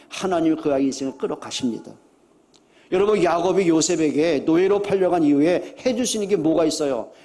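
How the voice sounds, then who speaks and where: Earnest middle-aged male pastor preaching. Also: a little high. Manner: earnest, conversational preaching with repeated exhortations; swings between hushed and loud emphatic delivery. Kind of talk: sermon.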